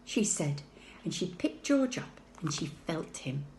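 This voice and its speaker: A woman reading a children's book aloud with expressive, sing-song storytelling. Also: sits low, a little slow, a little hiss or hum. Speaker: reader.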